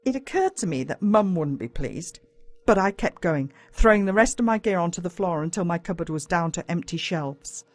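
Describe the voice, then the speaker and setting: This audiobook narrator, a woman with an Australian accent, tells a scripted first-person children's story at normal speed in a low voice with lively intonation. Her delivery is dramatic and suspenseful.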